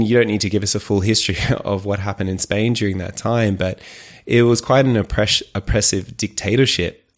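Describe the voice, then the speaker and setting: A man hosting a podcast, greeting his guest with enthusiasm and asking curious questions. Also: fairly low pitch. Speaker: podcast host. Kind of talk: podcast intro and interview. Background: loud music during intro.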